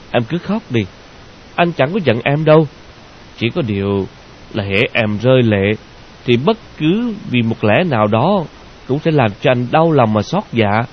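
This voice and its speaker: A man voicing a gentle young male doctor, speaking softly and consolingly. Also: medium pitch. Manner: soft, tender, consoling. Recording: dull lo-fi audio with hiss.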